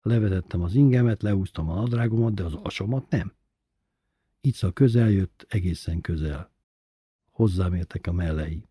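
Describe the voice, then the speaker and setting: A man reading a first-person story aloud in a plain, even storytelling manner. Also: low voice, breathy edge, no room sound, clean studio sound. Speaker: narrator.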